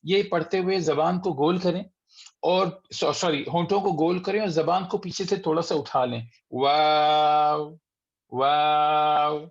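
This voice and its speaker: Gravelly man teaching slow letter drills. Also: high-pitched, muffled recording. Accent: Urdu-speaking. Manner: patient, repeats letters slowly and drawn out. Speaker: Quran recitation teacher. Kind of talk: online class lesson. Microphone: computer mic on a video call.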